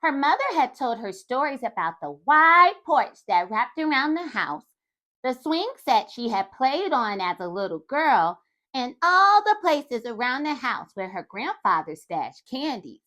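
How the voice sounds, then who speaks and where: A woman reading a picture book aloud to young children in an animated way, stopping to talk to her listeners. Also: high-pitched, unhurried. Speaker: children's storyteller.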